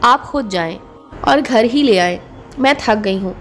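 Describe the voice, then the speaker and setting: Cheeky loving young wife, warm and teasing, storybook read-aloud, voiced by a woman. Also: fairly high pitch, lively intonation, measured pace, slight background noise.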